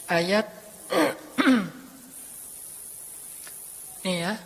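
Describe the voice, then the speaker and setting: A male preacher giving a casual, conversational sermon, telling stories with lively delivery. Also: high voice, drawn-out words, vocal fry. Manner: animated storytelling, acting out quoted voices. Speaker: Islamic preacher. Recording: echoey hall with long reverb.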